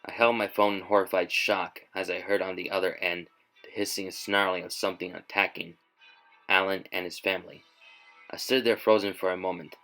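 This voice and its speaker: A man narrating a scripted first-person horror story in a measured, tense way. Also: sits low, sharp tone, low-quality recording.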